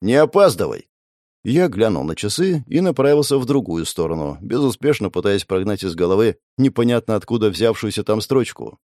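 A man reading a first-person audiobook in an expressive, storytelling voice. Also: fairly low pitch, a little fast, hardly any pauses, no echo, clean studio sound. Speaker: audiobook narrator.

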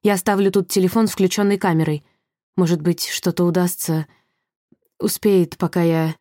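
A woman's voice: on the low side, steady tone, normal speed, mellow, no room sound, studio quality, lightly acted. A woman reading the lines of a tense young man trying to break someone out, urgent and strained.

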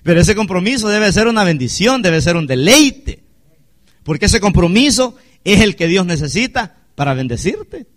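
A man's voice: high-pitched, very animated, normal speed, fairly bright tone. A male pastor, preaching a sermon with rhetorical questions to his congregation.

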